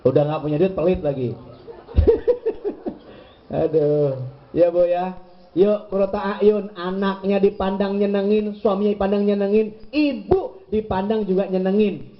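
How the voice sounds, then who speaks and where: A middle-aged man, preaching a lively sermon to women and teasingly acting out everyday scenes. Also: sits high, a little slow. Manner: playful, teasing, acts out voices of husbands and wives. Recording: muffled lo-fi event recording.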